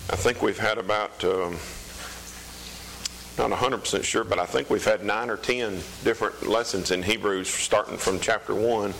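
A man's voice: on the low side, steady tone, gravelly, a bit bright, slight background noise, low-quality recording. A man with a Southern US accent preaching an informal sermon as a pastor, in a folksy, conversational manner. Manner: folksy, conversational, hesitant pauses. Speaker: pastor preaching to his congregation. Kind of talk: informal sermon with scripture reading.

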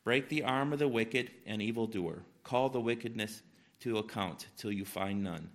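A man leading a church service, standing at a pulpit microphone and reading a psalm aloud in a measured, emphatic way. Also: on the low side. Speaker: worship leader. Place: church sanctuary.

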